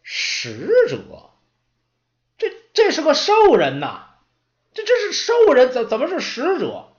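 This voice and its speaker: A man voicing a frantic young male apprentice mage who yells in alarm. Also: huge pitch swings, takes it slowly, highs cut off, full character voice. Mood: baffled. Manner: shrill frantic yelling.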